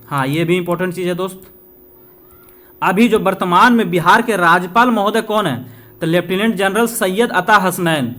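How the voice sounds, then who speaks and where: In a casual revision lesson, a man from India goes over material repeatedly, raises questions only to answer them himself, and keeps up friendly check-ins with his audience. He has a high-pitched, fairly bright voice.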